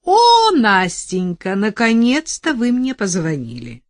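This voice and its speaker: Woman putting on a fussy male lawyer, gushing and lecturing, pitched up, loud, dry close sound. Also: wildly swooping pitch, takes it slowly, dry recording, heavily acted. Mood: effusive. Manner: effusive, then irritated and lecturing. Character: fussy talkative male lawyer, self-satisfied.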